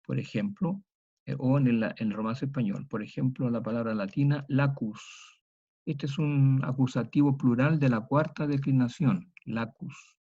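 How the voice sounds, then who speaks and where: A middle-aged man giving a university lecture, working through each example methodically and repeating the key words slowly. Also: medium pitch, dark tone, breathy edge, dull audio. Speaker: teacher.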